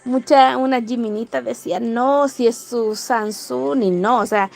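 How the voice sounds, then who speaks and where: A woman's voice: fairly high pitch, fairly even intonation, unhurried, vocal fry, a little mellow. A Chilean woman hosting a casual livestream, chatting in a rambling way and greeting viewers by name. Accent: Chilean Spanish. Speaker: livestream host. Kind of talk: casual live-stream chat.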